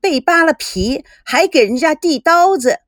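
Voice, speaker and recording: A woman doing a shrill spoiled younger sister. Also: big pitch swings, a little slow, no echo, clean studio sound, heavily acted. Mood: angry. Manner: sulky, loud and sarcastic.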